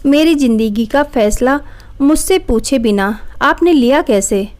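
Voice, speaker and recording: A woman's voice: a little high, a little slow, a little mellow, close to an everyday voice. A woman voicing a proud, angry young wife who talks sharply and defiantly.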